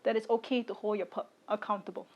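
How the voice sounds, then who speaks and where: This late-20s Singaporean content creator, her voice of ordinary female pitch and a little mellow, keeps her intonation fairly even as she gives a personal statement on camera. Her short phrases are measured, firm and deliberate, and the recording sounds muffled.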